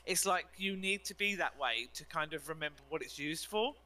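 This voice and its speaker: A woman's voice: low-pitched, expressive, normal speed, sharp tone, low-quality recording. A British woman co-hosting a casual chat, talking in a rambling, chatty way and laughing often. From United Kingdom. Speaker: co-host.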